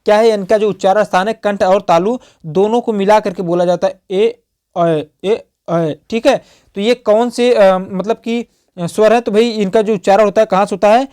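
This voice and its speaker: A man's voice: high-pitched, steady tone, a little fast, darkish tone, clean tone. Man teaching exam answers, repeating. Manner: repetitive quizzing, asks and answers own questions. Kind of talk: exam prep lesson.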